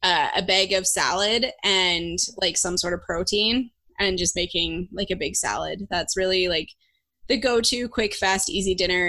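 A woman's voice: mid-range voice, bright, forceful tone, rough recording. A woman chatting casually as the host of a podcast. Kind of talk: casual chat.

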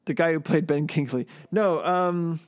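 A man's voice: on the high side, unhurried. Give me a man casually trashing a performance, laughing through it. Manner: opinionated, laughs often, searches for names with fillers. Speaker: podcast co-host. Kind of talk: casual film-discussion chat.

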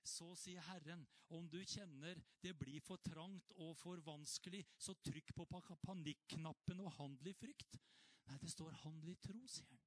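Man preaching a chatty sermon, fairly high voice, dry close sound, bursts of animation. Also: no room sound. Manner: conversational, rising to animated outbursts.

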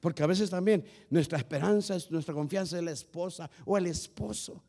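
A male pastor preaching a sermon, often calling the listeners "hermano" and swinging between loud emphasis and quieter stretches. The sermon comes from an older archived church recording. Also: high-pitched, brisk, creaky, husky. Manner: preaching with rising and falling emphasis, repeating "hermano".

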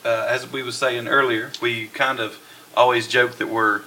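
A male podcast host chats casually with guests in a friendly but halting manner, using lots of fillers. His mid-range voice is level in tone yet pushed and bright, and the low-quality recording carries a little hiss or hum.

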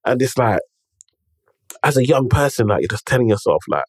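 A man's voice: medium pitch, sing-song, normal speed, breathy edge, no echo, studio quality. A man with an urban London roadman accent tells stories and gives motivational advice in an emphatic, conversational way, repeating phrases and checking in with the listener. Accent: London, urban multicultural slang.

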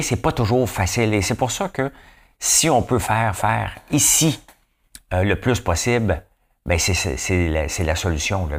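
A man with a Québécois accent talks through his podcast in a relaxed, joking way. His voice sits low but moves around constantly, rising and falling as he banters. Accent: Québécois French. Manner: playful, chatty, keeps asking "hein?". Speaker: podcast host. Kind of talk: casual commentary.

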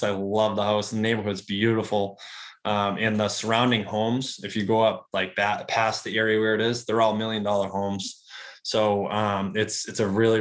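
A man in his early thirties speaks in a slightly low voice. He talks about real estate as a guest in a casual interview. He is relaxed and rambling, with lots of fillers and restarts. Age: 30s.

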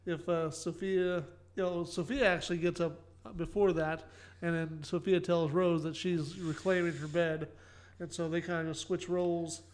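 A man's voice: a little high, flat delivery, normal speed. A man casually recapping a sitcom episode for a podcast, filling his summaries with "uh" and "kinda". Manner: summarizes plot with many fillers and "kinda". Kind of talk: casual chat.

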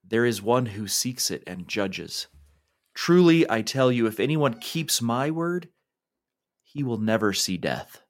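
Jesus, read by a man, solemn and calm. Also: mid-range voice, slow. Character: calm, authoritative male teacher, Jesus.

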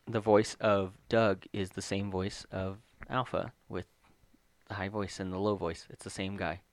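A man co-hosting a podcast in casual chat, animated and often retelling scenes. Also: deep voice, unhurried, no echo. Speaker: podcast co-host.

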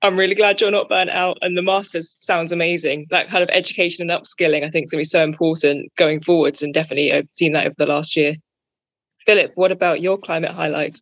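A woman's voice: on the low side, steady tone, fast talker, a bit bright, dry recording. A woman hosting a podcast in a conversational way. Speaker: podcast host, finance strategy head. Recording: dry, slightly dull audio.

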